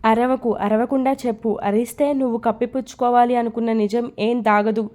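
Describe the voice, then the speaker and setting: A mocking, stern male police officer interrogates with scoffing taunts, as a woman reads him out. The voice sits a touch high and mellow, in a plain storybook reading. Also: level tone, fairly quick, close to an everyday voice.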